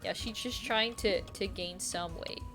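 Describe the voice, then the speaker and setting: A woman's voice: mid-range voice, unhurried. A young woman streaming a game, chatting casually and rambling, with frequent giggles and casual swearing. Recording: faint music behind.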